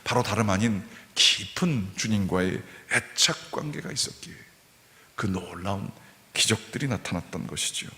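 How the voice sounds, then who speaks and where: A man's voice: on the low side, animated, moderate pace, bright, forceful tone. A man preaching at a revival meeting, earnest and repeating key phrases for emphasis. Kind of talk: sermon. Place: church sanctuary. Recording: reverberant church hall.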